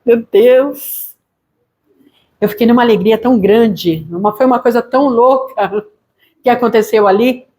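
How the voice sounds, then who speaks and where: High-voiced Brazilian woman giving testimony. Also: normal speed. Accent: Brazilian Portuguese. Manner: lively storytelling, acts out quoted voices. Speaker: missionary pastor. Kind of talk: church testimony.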